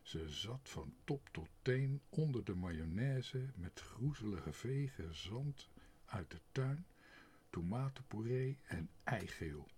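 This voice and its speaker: Man reading a storybook, husky voice, slow, very lively pitch, expressive narration.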